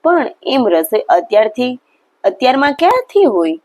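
A woman's voice: high-pitched, very animated, moderate pace, a little mellow, pitched above the performer's own voice, heavily acted. A woman voicing a devoted village mother who scolds the lord lovingly and emotionally. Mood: scolding.

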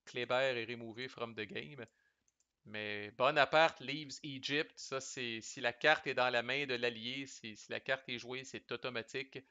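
Québécois male reviewer, bright and forceful delivery, chatty and slangy, dry slightly muffled recording. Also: medium pitch, fairly even intonation, unhurried, no room sound. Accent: Québécois French. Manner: chatty, loose, sprinkles English game terms and salty slang. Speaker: board game reviewer. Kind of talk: casual explanatory commentary.

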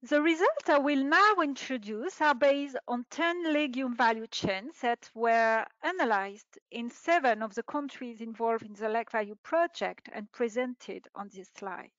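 A middle-aged woman, a researcher, reading a prepared presentation in a measured, formal way over a video call. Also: on the high side, animated, a bit bright, no echo. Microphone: video call webcam. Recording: dull lo-fi webinar audio.

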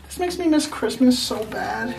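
A young adult man, a vlog host, chatting casually in a playful, excitable way. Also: extremely high pitch, moderate pace, gravelly, faint music behind. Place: abandoned building at night, car, outdoors by a pool.

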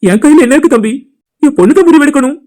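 A man plays a gentle middle-aged father in an animated drama. His voice is high and quick. He talks in a soft, resigned way. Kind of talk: cartoon voice acting.

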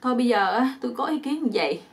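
Lady putting on a scared young guy begging to be let go, whiny and pitched up. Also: lively intonation, racing. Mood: pleading. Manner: begging, whiny, breathless pleading. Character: pleading young man, bound and terrified.

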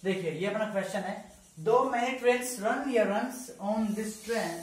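A man teaching grammar, talking slowly and deliberately, dictating example sentences word by word and often checking that the class follows. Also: high voice. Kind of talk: explaining grammar in a lesson. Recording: echoey room, far from the mic, faint ambient noise.

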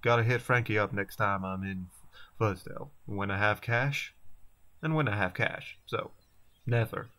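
A man's voice: lowish voice, measured pace, a bit bright. Man doing a drawling raccoon detective. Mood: wry. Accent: slight southern drawl, put on. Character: weary male raccoon detective, wry bachelor.

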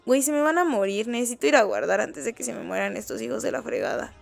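Excitable Mexican woman streaming a game. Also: fairly high pitch, fast, vocal fry, soft background music. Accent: Mexican Spanish. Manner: excitable, swears casually, talks to the game characters. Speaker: gaming streamer. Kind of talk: live-stream gameplay commentary.

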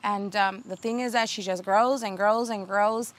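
This garden video host, a woman in her thirties, walks viewers through her home garden outside at a moderate pace. Her medium-pitched voice keeps a fairly even intonation, though her chatty delivery is peppered with fillers and false starts.

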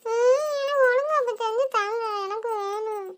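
Woman voicing a super squeaky little village girl, kanyakumari tamil accent, whiny crybaby cartoon kid. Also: steady tone, normal speed, fairly bright tone. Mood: whining. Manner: whining and pleading.

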